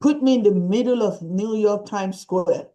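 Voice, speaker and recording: A woman's voice: mid-range voice, moderate pace, warm tone, rough recording. A woman guest speaker giving encouraging advice in an emphatic way, repeating her points for stress. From Nigeria.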